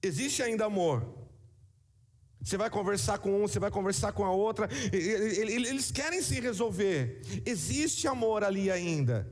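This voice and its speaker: A man's voice: high voice, lively intonation, normal speed, long reverb tail. A man with a Brazilian accent, preaching a sermon in a conversational way, with repetitions and asides to the congregation. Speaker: pastor.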